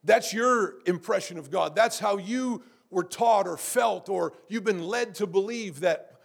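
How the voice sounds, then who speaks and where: Slightly slow and creaky, this pastor's voice addresses a congregation in a sermon. Again and again he asks how many know, and he builds intensity through repetition. He pushes his pitch and volume upward to preach powerfully.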